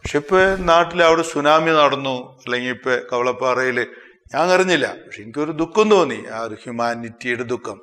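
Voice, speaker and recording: Expressive Malayali priest in an echoey hall. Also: male voice. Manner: expressive, with sudden swings in pitch and loudness; slows down sharply to stress phrases. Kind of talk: sermon.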